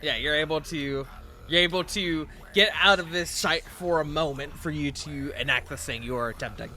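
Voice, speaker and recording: A man running a tabletop game as game master, talking casually with quick asides and laughter. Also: on the high side, bright, forceful tone, slight background noise.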